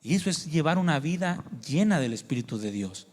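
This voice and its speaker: Earnest preacher in echoing hall. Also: male voice, a little high, big pitch swings, a little fast, darkish tone. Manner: earnest, addresses listeners as brothers and sisters; tells personal testimony, asks the congregation questions. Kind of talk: sermon. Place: church hall.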